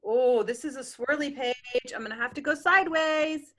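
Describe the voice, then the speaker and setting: Her voice sits high and she reads at normal speed, co-hosting a storytime with an expressive children's picture-book reading. She's animated and adds chatty comments aimed at young listeners.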